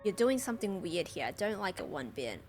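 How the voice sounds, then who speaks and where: A woman's voice: lowish voice, very animated, a little fast, a little mellow. A young woman casually playing a role-playing game and chatting her reactions as she goes. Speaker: gaming streamer. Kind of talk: casual let's-play commentary. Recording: game music in background.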